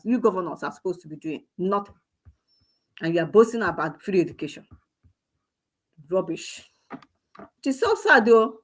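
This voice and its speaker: A woman's voice: medium pitch, slightly rough. A woman giving impassioned political commentary, scolding and firing off repeated rhetorical questions. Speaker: online commentator.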